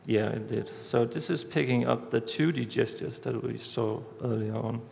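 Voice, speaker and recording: A man giving a conference talk, walking through a live demo step by step in a halting way, recorded in a large hall. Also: medium pitch, gravelly, a little mellow. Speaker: conference speaker. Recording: reverberant hall, faint background noise.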